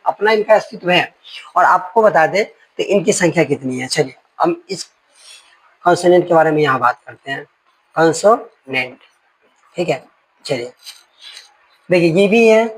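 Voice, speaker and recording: A man teaching a grammar lesson, his voice sitting a little high with a husky edge. He explains through homely comparisons and keeps checking that the class follows along. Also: rough recording. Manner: explains with folksy analogies and asides, checking in often.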